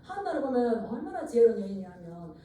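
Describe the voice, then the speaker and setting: Recorded from far off in an echoey church sanctuary with slight background noise, a woman pastor preaches earnestly and leads the congregation in call-and-response repetition. Her voice is a little high, dark-toned, fast, and very animated.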